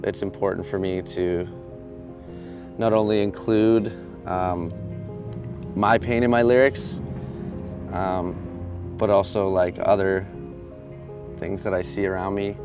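A hip hop artist speaking earnestly in an interview while seated on outdoor steps. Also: male voice, sits low, fairly even intonation, takes it slowly, pauses often. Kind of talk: interview talk. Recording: music bed under the voice. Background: music.

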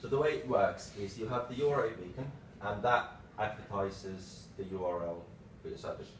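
This developer's casual slide presentation is a quick lightning talk, delivered at a normal pace in a deep male voice that breaks into short phrases. The distant camera microphone sits across a small meeting room, picking up strong reverberation and obvious background noise.

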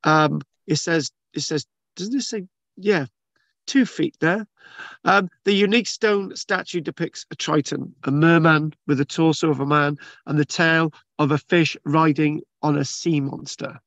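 A man's voice: a little high, unhurried, vocal fry, a bit bright, no room sound, dull audio. A man reading news articles aloud and commenting in a rambling, casual way, with many restarts and fillers. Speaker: channel host reading and discussing archaeology news. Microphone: video call screen share.

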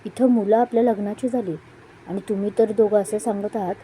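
A woman's voice: medium pitch, fairly even intonation, a little fast, warm tone, breathy edge, rough recording. A woman voicing a playful young man who teases his elder brother, in an audio story. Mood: teasing. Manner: teasing, playful.

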